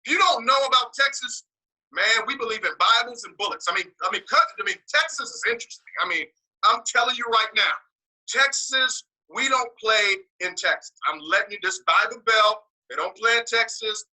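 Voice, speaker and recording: A man preaches a morning message with a husky, breathy grain to his voice and a sharp, forceful push behind every line. He leans hard on repetition and slips in joking asides, and he was born in the US and raised partly in Nigeria. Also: high voice, moderate pace, rough recording. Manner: emphatic, repeats key words, joking asides. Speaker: speaker giving a morning message. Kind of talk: preaching to a congregation.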